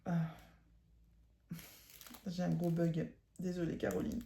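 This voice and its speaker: A woman's voice: lowish voice, completely flat delivery, slow, vocal fry, warm tone, a little hiss or hum. A woman with a northern French accent, chatting casually about her cross-stitch haul, rambling with fillers and correcting herself, tired. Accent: northern French, Ch'ti.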